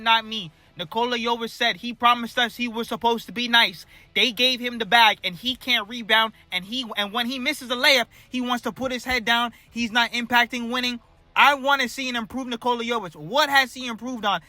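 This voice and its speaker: A man in a heated fan rant, firing off repeated rhetorical questions and swinging between shouting and muttering. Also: very high voice, dry recording. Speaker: basketball fan commentator.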